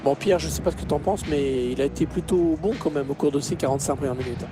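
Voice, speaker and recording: A man giving excited play-by-play football commentary for a video game, breaking into shouted calls at big moments. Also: a little high, quick pace, over music. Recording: loud stadium ambience behind voice.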